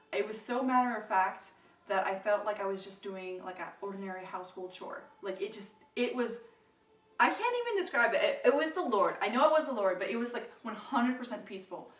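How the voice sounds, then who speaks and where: A young woman tells her story in a casual, animated way, raising her voice as she acts out what people said. Her voice sits at a middle pitch for a woman. The sound is roomy, and she is a little away from the mic. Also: far from the mic. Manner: animated, acts out quoted lines with rises in pitch and volume. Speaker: vlogger telling her birth story.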